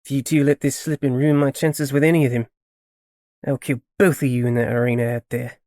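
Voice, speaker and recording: A man's voice: medium pitch, level tone, brisk, dark tone, no room sound, lightly acted. A cocky male water elemental from an audiobook fantasy, with a broad New Zealand accent and a blunt, laddish swagger, as a male narrator puts him on. The voice is dry and close, with no room around it.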